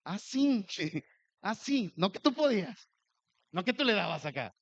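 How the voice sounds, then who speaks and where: A man preaching a sermon, telling a personal story with animated delivery and acting out the dialogue. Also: high voice, measured pace, gravelly, lo-fi sound.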